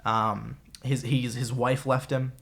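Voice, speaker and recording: Young guy cohosting a podcast, rambly and excitable, laughs a lot. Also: medium pitch, slow, gravelly. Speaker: podcast co-host. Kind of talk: casual chat.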